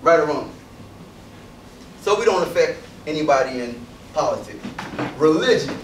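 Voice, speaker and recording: A slightly high, animated male voice at a moderate pace addresses university students as an invited speaker. He gives an emphatic speech in a lecture hall, hurling rhetorical questions at listeners. The recording has a little hiss or hum and sounds echoey and distant.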